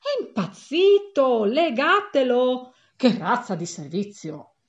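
A woman voicing an irate middle-aged male lawyer who shouts in loud, indignant outbursts, for a storybook reading. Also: high voice, wildly swooping pitch, slow pace, roomy sound, muffled recording, pitched above the performer's own voice, heavily acted.

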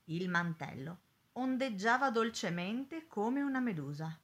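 Lively woman reading a story aloud. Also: medium pitch, unhurried. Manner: expressive, lively delivery. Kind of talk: storybook narration.

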